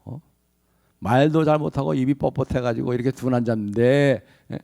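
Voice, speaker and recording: A man's voice: medium pitch, moderate pace, gravelly, dark tone, lightly acted. A man voicing a reluctant old man who pleads and protests with God in pleading rhetorical questions.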